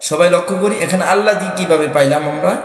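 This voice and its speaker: A man teaching Quran recitation, chanting verses in long drawn-out tones between quick spoken explanations. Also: sits high, heavy reverb, big-room sound.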